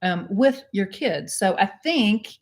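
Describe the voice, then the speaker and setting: A woman's voice: medium pitch, lively intonation, slow pace. A woman co-hosting a casual cruise livestream from home, chatty and giggly with many fillers. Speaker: co-host of a cruise channel livestream. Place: home indoors.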